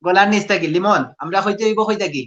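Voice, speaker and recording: A man's voice: high-pitched, fast, a bit bright, slight background noise. A man with a Sylheti accent teaching Quran recitation in a live online class, patiently drilling sounds and mixing in English. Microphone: video call. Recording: dull lo-fi video call audio.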